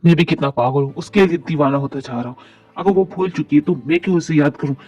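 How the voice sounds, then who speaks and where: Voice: medium pitch, fast talker, a little mellow, muffled recording, natural voice. A voice actor playing a hurt young man who turns cold on the woman he loves, then tender, in an amateur audio drama. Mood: torn. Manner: pleading, then cold and dismissive. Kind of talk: Hindi fan audio drama dub. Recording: distant mic with background music.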